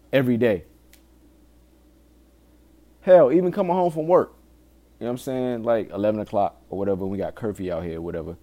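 Mellow-voiced man giving urgent, pleading warnings. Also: mid-range voice, dull audio. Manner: informal, frequent swearing. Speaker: podcast host. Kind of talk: candid solo podcast monologue, casual talk.

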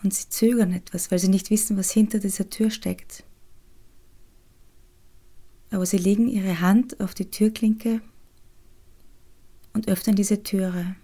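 A woman guides a meditation in a soft, soothing half-whisper, pausing often. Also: mid-range voice, fairly even intonation. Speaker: podcast host and resilience trainer guiding a meditation.

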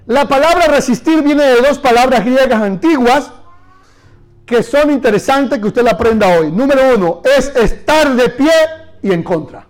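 A man preaching a sermon as pastor, with fervent, repetitive exhortations and calls for the congregation to repeat after him. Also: very high-pitched.

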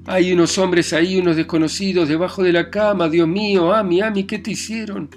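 A man doing a shrill, hysterical young lady. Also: fairly even intonation, brisk, soft background music, natural voice. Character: distraught young lady, shrieking over her dead dog.

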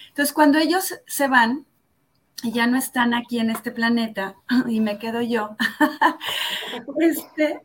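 A woman, a yoga instructor telling her story in an interview, earnest and reflective, often tagging her phrases with "¿no?". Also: a little high. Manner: earnest and reflective, tags phrases with "¿no?", slows down for emphasis. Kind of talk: personal testimony in an interview.

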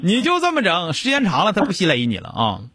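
A man's voice: high-pitched, wildly swooping pitch, fast talker, sharp tone. A man hosting a radio call-in show, giving blunt, joking advice.

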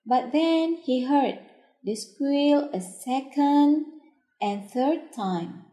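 A woman gently reading a children's story aloud, in a roomy, echoey recording. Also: sits high, drawn-out words.

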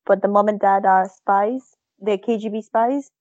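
A woman's voice: medium pitch, steady tone, a little slow, mellow, no echo. Chatty woman, dull dry recording. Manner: chatty, enthusiastic recommending. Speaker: podcast co-host. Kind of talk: casual chat.

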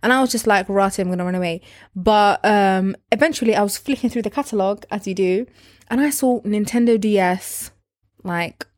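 A woman's voice: mid-range voice, normal speed, no room sound, studio quality. A young woman, co-hosting a casual chat and telling stories animatedly, swearing often. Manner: animated storyteller, swears often, acts out quotes. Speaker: podcast co-host.

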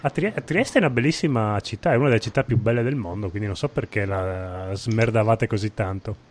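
A man's voice: lowish voice, a little fast. A man co-hosting a podcast in casual, bantering chat. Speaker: podcast co-host.

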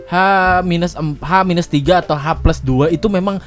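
A man's voice: fairly high pitch, a little fast, faint music behind. A man co-hosting a casual chat, telling stories with frequent laughter. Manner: laughs often, jokey storytelling. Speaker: podcast co-host.

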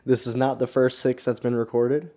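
A man's voice: mid-range voice, little pitch movement, normal speed, dark tone. An American man co-hosting a podcast in casual, slangy frat-bro talk with heavy swearing. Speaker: podcast host. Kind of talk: casual chat.

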